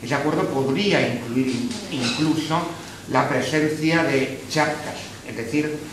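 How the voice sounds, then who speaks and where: A man's voice: mid-range voice, a little slow. Spanish guy arguing politics at a film debate, hesitant restarts, echoey hall, noisy. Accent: Spanish from Spain. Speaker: speaker at a public discussion. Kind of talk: debate after a film screening. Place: hall of a social club. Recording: echoey room, far from the mic, noisy.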